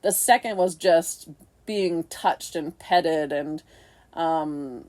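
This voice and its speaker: Soft-spoken woman telling a personal story. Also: sits low. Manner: soft, halting and reflective, with frequent restarts. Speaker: podcast co-host.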